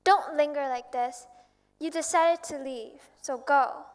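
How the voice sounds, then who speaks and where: Tender proud rose, very high voice, wistful. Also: female voice, a little slow. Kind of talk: stage play performance. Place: school auditorium stage.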